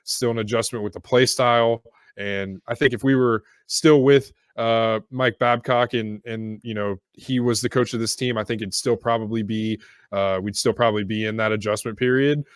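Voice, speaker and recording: A man co-hosting a sports podcast, talking casually in a halting way with many pauses. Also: mid-range voice, steady tone, smooth, no room sound, studio quality. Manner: hesitant, many fillers and restarts. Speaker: podcast co-host.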